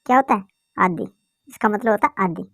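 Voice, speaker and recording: A woman's voice: medium pitch, a little fast, a bit bright, no room sound, studio quality. A woman teaching a basic English lesson, asking questions and answering them herself. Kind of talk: classroom lesson explanation.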